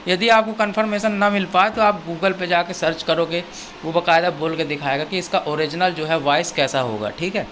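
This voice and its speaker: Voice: mid-range voice, brisk, a bit bright. Language lesson teacher, spells words letter by letter, repeats each one, patient, faint hiss in background. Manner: patient and repetitive, often checks in with "theek hai". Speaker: English teacher. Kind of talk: language lesson explained in Hindi.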